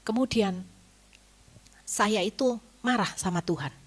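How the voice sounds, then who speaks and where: A woman's voice: mid-range voice, animated, unhurried. A woman pastor, giving a testimony sermon in a storytelling way, dropping to a near whisper when she quotes the doctor. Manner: storytelling, quoting the doctor in a hushed voice and herself more loudly. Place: church.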